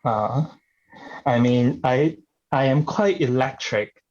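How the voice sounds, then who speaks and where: A man performs improvised comedy scenes, speaking haltingly as he searches for words. His voice is medium-pitched with a darkish tone, and the recording is muffled.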